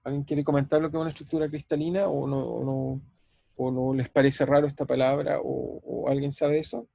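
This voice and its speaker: Gravelly-voiced professor giving an online lecture. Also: male voice, mid-range voice, flat delivery, a little fast, dark tone, dry recording. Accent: Chilean Spanish. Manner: thinking aloud, repeating words, asking students questions. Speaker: physics professor.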